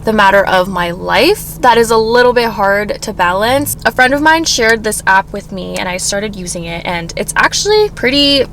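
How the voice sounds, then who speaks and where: A woman's voice: mid-range voice, expressive, moderate pace, few pauses, fairly bright tone, slight background noise. Chatty young woman vlogging, chewing snacks. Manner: chatty, eats and chews while talking. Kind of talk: casual Q&A vlog. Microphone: self-filmed on camera.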